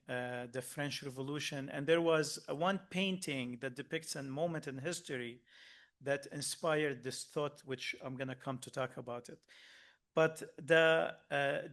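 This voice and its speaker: A man originally from Lebanon giving a workshop talk, earnest and hesitant, with frequent pauses and restarts. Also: mid-range voice, a bit bright. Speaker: workshop speaker.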